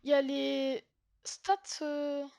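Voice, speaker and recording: A woman's voice: sits high, little pitch movement, slow, gravelly, a little mellow. A woman YouTuber giving casual gameplay commentary, chatty and hesitant, with many fillers and giggles. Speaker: gaming YouTuber.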